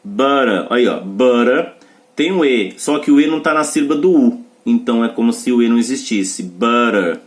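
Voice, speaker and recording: Speaking briskly in a medium-pitched, darkish voice, a man teaches English pronunciation, walking through the rules one step at a time and checking understanding with brief questions. Faint music plays in the background.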